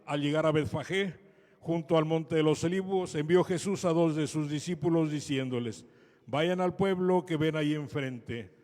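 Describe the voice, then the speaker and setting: A man's voice: fairly high pitch, a little mellow. A man giving a solemn liturgical scripture reading as a priest, his voice carrying through cathedral echo. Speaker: priest proclaiming the Gospel at a Palm Sunday Mass. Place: large cathedral. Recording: cathedral echo, long hall reverb.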